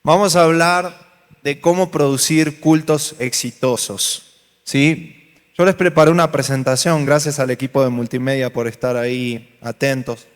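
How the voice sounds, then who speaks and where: A pastor with an Argentine Spanish accent leads a lively church workshop in a large hall, joking, telling stories, and putting questions to the congregation. His voice is medium-pitched and smooth, a little slow, with fairly even intonation. The recording carries the hall's reverb.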